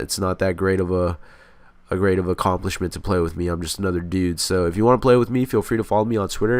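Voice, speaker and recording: Sitting inches from the mic, a congested, sick-sounding man delivers casual, rambling, profane commentary over gameplay. His voice is low, with no room sound.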